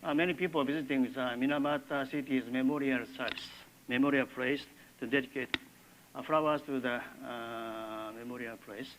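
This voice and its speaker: An older man with a Japanese accent gives a university lecture in halting English, with many filler pauses. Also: mid-range voice, fairly even intonation, fairly bright tone, slight background noise, poor audio. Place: lecture classroom.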